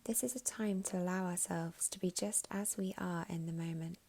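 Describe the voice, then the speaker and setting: A woman leads a guided meditation in a fairly low, noticeably creaky voice with a steady tone. She speaks softly and soothingly, taking her time with long pauses, her phrases growing breathy and trailing toward a whisper.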